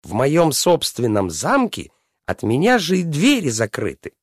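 A haughty young princess, played by a man, flares up in a high, indignant voice. She shouts her complaints, and her pitch leaps with every outburst. There is a slight husky grain to the sound. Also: huge pitch swings, a little slow, no echo, studio quality, exaggerated voice. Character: proud, quick-tempered young princess.

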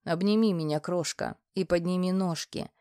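A woman reading the part of a rough, threatening unshaven man in a hoarse, menacing tone. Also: lowish voice, normal speed, dark tone, no echo, clean studio sound, natural voice.

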